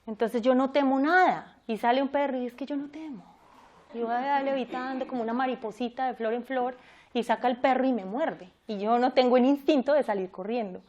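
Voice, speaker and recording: A woman's voice: high-pitched, brisk, darkish tone, lo-fi sound. A woman giving a conversational church teaching talk, often asking her listeners questions. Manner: conversational, asks the audience questions.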